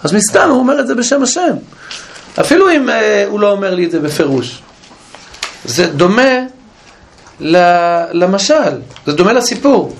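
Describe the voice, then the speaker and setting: A man's voice: high-pitched, creaky, pauses often. A man teaching a Bible study class, explaining with questions and frequent restarts. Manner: questioning, animated, with many restarts.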